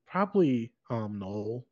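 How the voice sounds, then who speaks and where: A podcast co-host giving animated, giggly opinions in casual chat. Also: medium pitch. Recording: dull lo-fi podcast audio.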